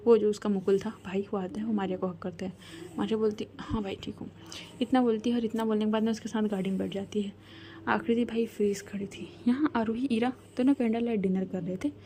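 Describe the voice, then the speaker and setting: A woman storyteller, speaking softly and often close to a whisper. Her voice is warm and mellow, and she drifts into friendly asides to the listener. A faint hum of noise sits underneath. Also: medium pitch, fairly even intonation, fast talker. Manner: soft, half-whispered, chatty asides. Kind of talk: casual spoken storytelling.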